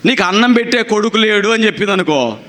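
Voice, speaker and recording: A male pastor preaches in a high, bright voice, hammering points home through repetition. He calls on his listeners to clap. A long reverb from the church hall trails his words. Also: expressive, fast. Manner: emphatic, repetitive, calls for clapping. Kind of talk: sermon.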